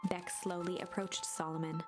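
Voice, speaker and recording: Woman narrating over loud music. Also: on the low side, flat delivery, normal speed. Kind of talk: scripted story narration.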